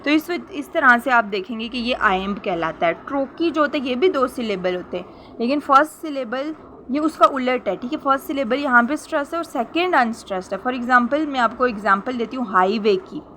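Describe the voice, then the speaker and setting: Woman teacher, young adult, bright voice, slightly high, patient explaining, faint room ambience. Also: lively intonation, normal speed, a little hiss or hum. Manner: patient, repeats points and checks understanding. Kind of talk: explanatory lesson in Hindi-Urdu with English terms.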